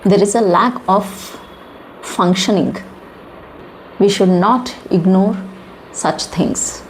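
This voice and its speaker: A woman with an Indian accent delivers informal news commentary in halting, emphatic short phrases, often asking rhetorical questions. Her voice is medium-pitched, the audio quality is poor, and background noise is clearly audible.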